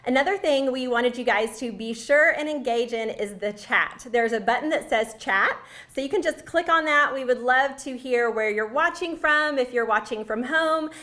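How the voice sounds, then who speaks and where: A woman's voice: sits high, normal speed, fairly bright tone. A middle-aged woman co-hosting a live charity fundraiser, speaking to the viewers.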